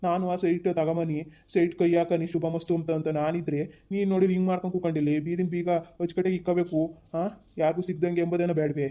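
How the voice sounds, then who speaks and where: A man's voice: fairly high pitch, level tone, a little fast, warm tone, lightly acted. A man, playing a frustrated husband who scolds his wife after losing his savings in a village family drama. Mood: upset. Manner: scolding, exasperated. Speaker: actor.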